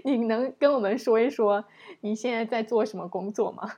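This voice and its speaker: A woman's voice: fairly high pitch, a little fast, warm tone. A woman interviewing someone in a casual, conversational and encouraging way.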